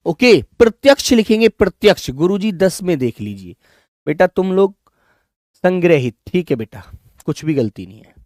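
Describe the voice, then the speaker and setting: High-voiced teacher drilling spelling. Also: male voice, sing-song, a little mellow, dry recording. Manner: coaxing, repeats words slowly to students. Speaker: Hindi teacher. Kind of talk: online class lesson.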